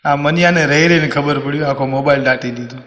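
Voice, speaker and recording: Kathiawari comedian telling stage stories. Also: male voice, on the high side, fairly quick. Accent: Kathiawari Gujarati. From Saurashtra, Gujarat. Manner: lively, swings into loud acted quotes. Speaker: stand-up comedian. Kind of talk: comic storytelling on stage. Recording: long hall reverb on a stage mic.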